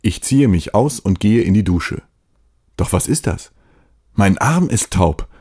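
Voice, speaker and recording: A man with a low, husky voice reads out his own story. He narrates in the first person, plain and steady, from a prepared script. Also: a little slow.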